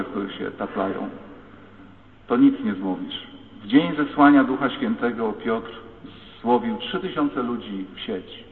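A priest giving an emphatic sermon to his congregation, rising now and then to loud declamation. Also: medium pitch. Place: church. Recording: echoey church heard from far, phone-like sound.

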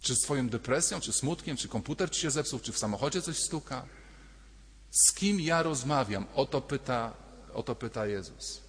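Priest preaching in a reverberant church. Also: male voice, mid-range voice, animated, moderate pace. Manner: conversational, addresses congregation directly with anecdotes and questions. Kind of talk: sermon at mass.

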